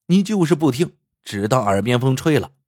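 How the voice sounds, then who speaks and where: A man's voice: medium pitch, very animated, normal speed, a little mellow, no echo, studio quality. A man voicing the reproachful wife of a magistrate, lecturing her husband in a folk tale. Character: scolding wife of a magistrate, middle-aged woman.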